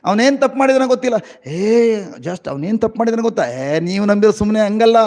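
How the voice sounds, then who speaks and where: A middle-aged Indian man preaches in a Kannada-accented voice that sits high for a man. His delivery is emotional, rising into loud exclamations and then sinking into quiet, reflective asides. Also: animated, brisk. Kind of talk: sermon.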